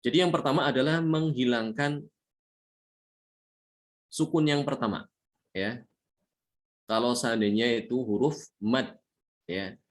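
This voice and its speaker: A male teacher leads a tajwid class, his voice sitting at an ordinary middle pitch. He explains each rule patiently, circling back with a steady "ya" to check understanding. Now and then he slows right down to chant an Arabic example. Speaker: Quran recitation teacher.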